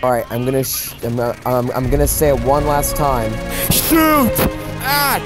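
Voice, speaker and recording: A man commentating his own war-shooter playthrough, joking and rambling and yelling repeated taunts at enemies. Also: mid-range voice, animated, unhurried, over music. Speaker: gamer playing a war shooter. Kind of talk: let's play commentary. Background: game soundtrack and gunfire.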